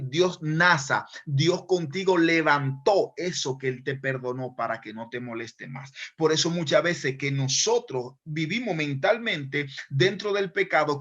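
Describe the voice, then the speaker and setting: A man preaching a sermon with emphasis, acting out little dialogues and swinging between loud bursts and hushed prayer. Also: a little high. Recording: dull lo-fi sound.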